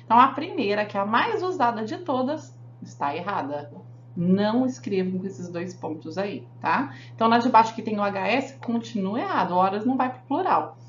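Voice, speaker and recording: A woman's voice: medium pitch, lively intonation, moderate pace. A woman teacher giving a grammar lesson, explaining step by step and often checking that the class follows. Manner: explanatory, asks the class frequent check questions. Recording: echoey room, dull sound, faint hum.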